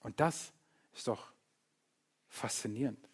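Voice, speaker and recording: Taking things slowly, a pastor with a medium-pitched, breathy-edged voice delivers a sermon. His manner is lively and playful as he mimics other people and trades jokes with the congregation.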